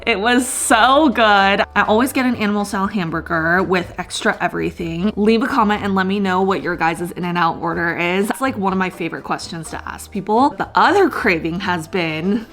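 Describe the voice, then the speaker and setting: A woman of thirty chatting casually to camera as a lifestyle vlogger, bubbly and excited, dropping lots of "like". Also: mid-range voice, normal speed, few pauses, soft background music. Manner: bubbly and chatty, often says "like". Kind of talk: casual vlog chat to camera.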